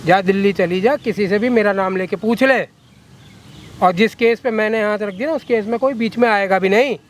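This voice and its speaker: A man's voice: sits high, fairly quick, a little hiss or hum, close to an everyday voice. A man playing a corrupt, coercive lawyer who talks down to a girl in a coaxing, threatening way. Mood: condescending. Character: corrupt scheming male lawyer, menacing and coercive. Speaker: villain in a short film.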